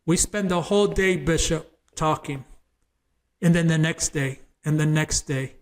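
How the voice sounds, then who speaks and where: A man's voice: on the high side, measured pace. A man who is a former gang member, a guest on an interview show, tells his personal testimony as a story, earnest and emphatic, often repeating words as he builds up.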